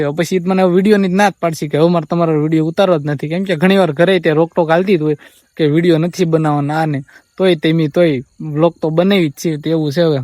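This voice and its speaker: A man's voice: on the high side, darkish tone, no echo, clean studio sound. A young man, talking to viewers in a subdued, rambling vlog from his family farm. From Gujarat, India. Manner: subdued, rambling and repetitive, often quoting others. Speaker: vlogger.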